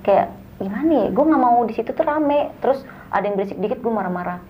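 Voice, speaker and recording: A young woman, telling a story as a guest in a casual, animated way and acting out the dialogue. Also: fairly high pitch, fast, slight background noise, low-quality recording.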